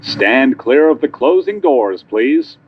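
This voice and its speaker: A man's voice: medium pitch, lively intonation, slow pace, a little hiss or hum. A man giving a short, instructive recorded safety announcement over a muffled subway speaker.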